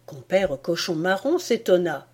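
A woman reading a folk tale aloud as an audiobook, in an expressive storytelling manner. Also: fairly low pitch, unhurried, breathy edge. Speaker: audiobook reader. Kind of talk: storytelling narration.

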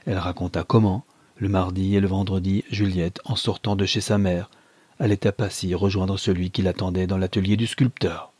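A man narrating a classic novel in a calm, measured storytelling manner. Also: deep voice, breathy edge, no echo. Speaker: audiobook reader.

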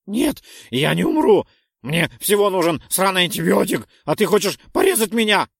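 A man putting on a hoarse, screaming wounded companion. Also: high-pitched, big pitch swings, normal speed, dry recording, clean studio sound, voice pushed up, exaggerated voice. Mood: furious panic. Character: wounded foul-mouthed male companion, panicked.

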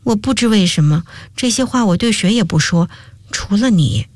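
A woman's voice: mid-range voice, expressive, normal speed, a little mellow, no echo, natural voice. A woman reading a radio story, voicing an earnest young male student who speaks hesitantly.

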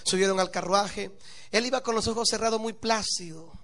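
A male pastor preaching a sermon, telling a story and then building to impassioned, shouted preaching. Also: high voice, moderate pace.

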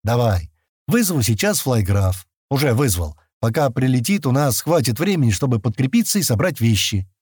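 A man doing a gruff, grumbling spacer. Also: mid-range voice, big pitch swings, normal speed, darkish tone, no room sound, studio quality. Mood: plain. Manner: grumbling, curt replies. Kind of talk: audiobook character voice.

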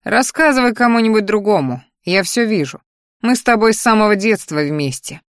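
Woman playing a gruff young warrior. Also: mid-range voice, expressive, moderate pace, no room sound, clean studio sound, pitched above the performer's own voice, lightly acted. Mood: insistent. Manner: gruff and brusque. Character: blunt young male warrior friend, growling.

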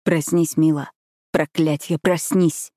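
A woman reading an audiobook, voicing a fierce, commanding young man who growls his words hoarsely through clenched teeth. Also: low-pitched, fairly even intonation, slow, mellow, no echo, clean studio sound. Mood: furious. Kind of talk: audiobook character voice.

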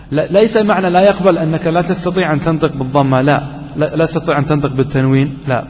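A man teaching a grammar lesson, explaining slowly and putting questions to the class that he then answers himself. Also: on the high side. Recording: dull recording with long hall reverb.

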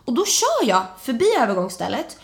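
A young woman, a podcast co-host, telling a story in casual chat and acting out the people in it. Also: gravelly. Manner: animated, acts out quotes with sudden high shouts.

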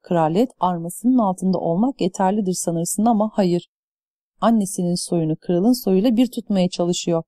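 A fourteen-year-old boy with a dry, teasing wit talks to his little sister like an older brother, as a woman reads him. The tone is warm and slightly raised, recorded close and dry. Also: on the low side, normal speed, no room sound, lightly acted.

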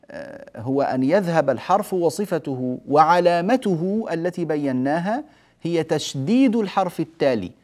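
Mellow-voiced man teaching Quran recitation. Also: mid-range voice. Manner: explains patiently, asks and answers his own questions, draws out quoted words slowly. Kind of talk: recorded tajweed lesson.

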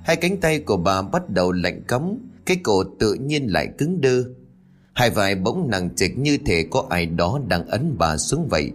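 A man's voice: on the low side, big pitch swings, unhurried. A man narrating a ghost story aloud, lightly voicing the characters as he reads. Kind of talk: scripted horror story narration. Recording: faint music behind.

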